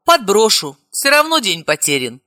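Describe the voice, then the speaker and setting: A woman's voice: medium pitch, wildly swooping pitch, moderate pace, pushed and bright, dry recording, clean studio sound. A woman reading an audiobook, voicing a stern woman in her thirties who scolds her young nephew. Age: 30s.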